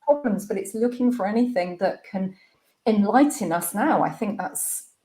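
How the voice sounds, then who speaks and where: A woman hosting a relaxed interview, encouraging her guest and laughing along easily. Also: mid-range voice, moderate pace. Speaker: host. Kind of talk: casual interview chat. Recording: echoey room.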